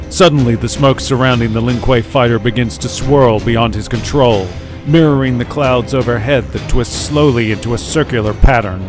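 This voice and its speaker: A man giving a scripted, dramatic story narration as a voice-over narrator. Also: mid-range voice. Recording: music behind the voice.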